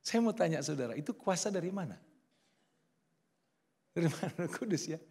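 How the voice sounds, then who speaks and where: Man preaching in lively storytelling. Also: fairly high pitch, brisk, gravelly, slightly rough. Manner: lively storytelling with acted quotes. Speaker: pastor. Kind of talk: sermon. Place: church service.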